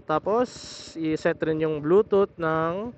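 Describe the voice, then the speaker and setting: A young motovlogger rides a motorcycle outdoors, casually explaining his setup step by step in a hesitant way, often restarting his words. His slightly high voice comes through a Bluetooth helmet intercom, sounding muffled with slight background noise.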